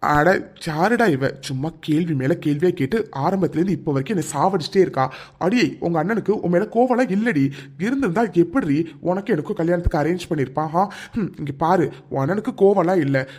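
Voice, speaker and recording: A man's voice: on the high side, lively intonation, fast, a little mellow, breathy edge. This is a young male lover in a cartoon, voiced by a man. He speaks in an everyday voice, teasing and scolding with fond impatience. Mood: exasperated. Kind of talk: cartoon dialogue.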